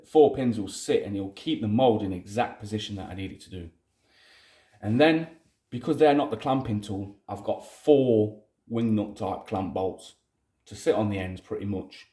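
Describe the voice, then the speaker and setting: A man's voice: fairly low pitch, dark tone. A man with a Leicester accent talking off the cuff in a blunt, sweary, self-deprecating way, like a maker presenting his own project. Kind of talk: casual unscripted monologue. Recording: roomy, echoey indoor sound.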